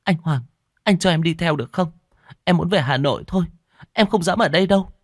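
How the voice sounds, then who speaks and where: A man's voice: fairly high pitch, brisk, dry recording, studio quality, pitched above the performer's own voice. A man voicing a terrified young woman who stammers and pleads in panic. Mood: scared, sulky.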